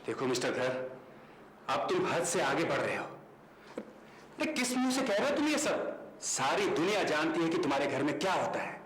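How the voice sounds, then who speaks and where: A man's voice: fairly high pitch, big pitch swings, normal speed, pauses often, a bit bright. An actor playing a defiant tenant, indignant and scornful as he hits back. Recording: echoey room with faint noise.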